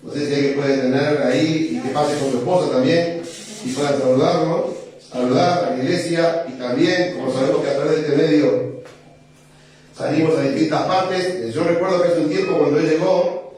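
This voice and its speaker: A man hosting a church service greets visitors with jovial, easy warmth and quick laughs. His voice sits slightly high, and he is heard from a distance in a hall full of echo. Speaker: host pastor. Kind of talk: welcoming a guest in a church service. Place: church sanctuary. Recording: echoey church hall, far from mic.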